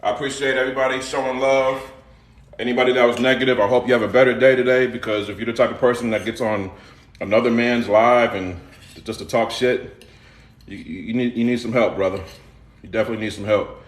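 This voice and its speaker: A middle-aged man with a Houston, Texas accent chats loosely to his livestream viewers from his kitchen. He is laid-back and repeats himself, at a middle pitch for a man. The room gives his voice a roomy echo. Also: fairly even intonation, fast talker. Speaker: livestream cooking host. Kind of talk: casual live-stream chat. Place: home kitchen.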